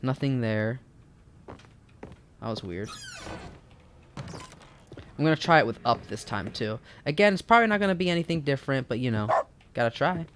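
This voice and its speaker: A man's voice: mid-range voice, lively intonation, normal speed, pauses often, a bit bright, a little hiss or hum. A young man playing a video game, goofy and talking back to the game's narrator, laughing often. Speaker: gaming YouTuber. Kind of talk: casual let's-play commentary.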